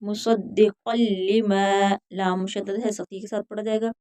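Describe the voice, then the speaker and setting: A woman teaching Quran recitation rules, chanting verses slowly and then explaining each letter in plain talk. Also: medium pitch, little pitch movement, mellow. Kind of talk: recitation and tajweed instruction.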